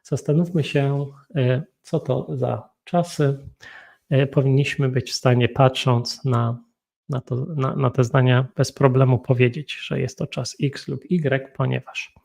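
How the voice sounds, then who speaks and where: A Polish man with a Polish accent teaching an English grammar lesson, talking slowly and thinking aloud while feeling unwell. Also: medium pitch, steady tone, vocal fry, a little mellow. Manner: slow, thinking aloud with frequent hums. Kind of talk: solo grammar and pronunciation lesson.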